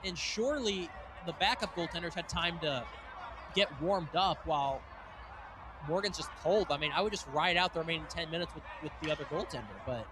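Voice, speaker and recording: A man calling a live hockey game from an arena booth, excitable and laughing often as he thinks aloud. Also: fairly high pitch, a little fast. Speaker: play-by-play commentator. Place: ice arena broadcast booth. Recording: noisy arena broadcast.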